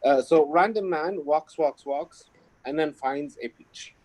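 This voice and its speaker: Halting man. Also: fairly high pitch, darkish tone, low-quality recording. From Kuwait. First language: Arabic. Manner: halting, explanatory. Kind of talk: casual chat.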